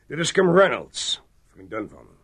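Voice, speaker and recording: A gravelly, frightened suspect. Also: male voice, on the high side, big pitch swings, moderate pace, a bit bright, full character voice. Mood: polite. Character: shaken man hiding a fatal accident. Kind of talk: dubbed film acting.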